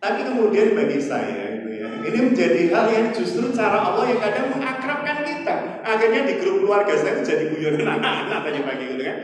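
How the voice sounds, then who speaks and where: A middle-aged man with a Javanese accent, preaching a sermon in a lively storytelling way, with some humor. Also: sits high, quick pace, hardly any pauses. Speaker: Islamic preacher. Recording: echoey hall, voice from far off.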